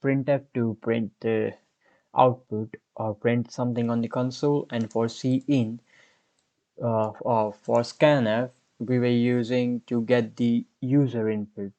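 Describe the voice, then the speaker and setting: The audio is dull, and the man's medium-pitched voice has a dark tone with little pitch movement. In his twenties, he hosts a screen-recorded programming tutorial, explaining his code at a relaxed pace, step by step, while typing.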